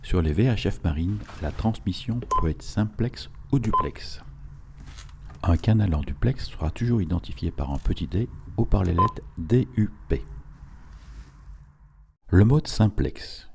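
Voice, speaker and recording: A man's voice: low-pitched, expressive, measured pace, creaky, heavy background noise. A man reading a scripted instructional narration in a didactic, step-by-step way, as an instructor would.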